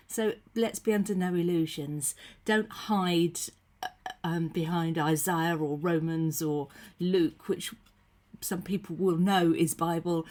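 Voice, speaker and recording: A woman with a cold speaks in a husky, croaky, rather low voice, recording a short devotional into her computer webcam from her room at home. She's a faith leader, and her talk to camera is gentle and chatty, full of ums and soft asides.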